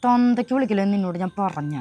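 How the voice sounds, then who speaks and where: An actress playing a feisty, quick-tempered young woman who fires back indignant retorts in a short drama, with music behind. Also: medium pitch, lively intonation, highs cut off, lightly acted. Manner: sharp-tongued, indignant retorts. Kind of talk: Malayalam short drama acting. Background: background music.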